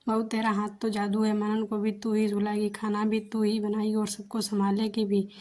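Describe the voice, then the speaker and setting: A woman voicing a calm, kindly older father-in-law in a narrated story, in her own flat voice. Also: medium pitch, normal speed, close to an everyday voice. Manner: gentle, mildly irritated.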